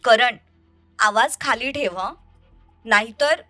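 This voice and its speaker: A woman voicing a young woman who is defensive and tense while being exposed, over soft music. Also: a little high, unhurried, no echo. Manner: tense, pleading for him to leave. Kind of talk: audio story reading.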